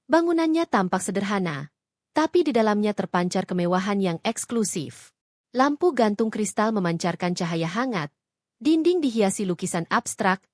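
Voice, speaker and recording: A woman narrating a scripted drama story in an expressive, descriptive way. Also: medium pitch, no echo, clean studio sound.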